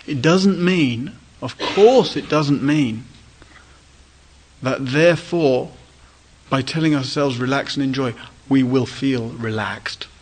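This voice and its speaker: Guy leading a meditation retreat talk, middle-pitched, really unhurried, gentle, lots of pauses. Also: breathy edge, low-quality recording. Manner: gentle, unhurried, inviting phrasing in short pauses. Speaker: meditation teacher.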